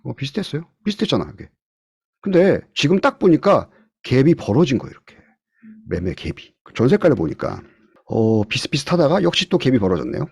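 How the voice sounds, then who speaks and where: A man teaching real estate investing in an online video-call lecture, often putting questions to his class and swinging between loud and soft. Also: medium pitch, sing-song, a little fast, creaky, husky, no echo, clean studio sound. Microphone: computer mic on a video call.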